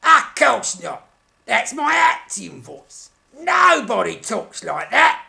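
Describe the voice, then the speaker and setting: A performer voicing a vain, touchy male puppet stage actor, hammy, pompous and theatrical, with a creaky, sharp voice in a comic mock interview. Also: mid-range voice, very animated, takes it slowly, heavily acted. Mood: hammy, self-satisfied.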